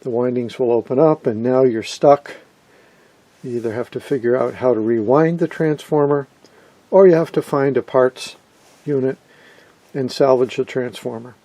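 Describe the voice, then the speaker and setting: A middle-aged presenter and vintage radio hobbyist gives a casual, matter-of-fact hands-on demonstration, explaining as he works off camera at an indoor workshop bench. He speaks at a moderate pace in a warm mid-range voice, recorded with no room sound.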